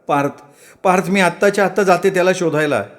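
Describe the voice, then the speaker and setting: A man's voice: sits high, quick pace, pitched above the performer's own voice, natural voice. Man doing Rashmi, a frightened young woman. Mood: desperate. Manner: fretful, pleading. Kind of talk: dramatic storytelling.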